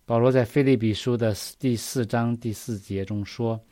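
A man's voice: medium pitch, fairly even intonation, moderate pace, warm tone, dry recording, clean studio sound. A man preaching a sermon, reading scripture verses and explaining them earnestly, often asking the listeners questions.

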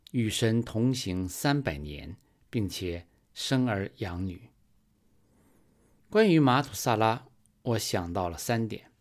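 A man preaching a sermon in a slow, measured storytelling manner, rising for emphasis. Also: fairly low pitch.

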